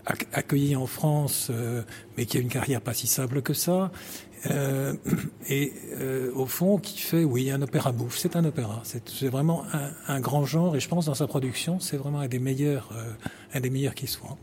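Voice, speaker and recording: A man's voice: medium pitch, normal speed, darkish tone, a little hiss or hum. Articulate man, conductor answering questions. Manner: articulate, explanatory. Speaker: conductor and composer. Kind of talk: interview answers.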